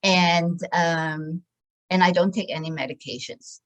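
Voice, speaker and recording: A woman's voice: on the low side, steady tone, unhurried, poor audio. A woman in her sixties giving a casual sales talk about a wellness program, hesitant and full of fillers and restarts. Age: 60s. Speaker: wellness product presenter.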